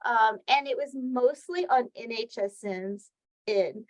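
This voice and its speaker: Taking it slowly, a woman with a slightly high voice leads a weekly healthcare training webinar. She explains each slide step by step, conversationally, offering examples along the way.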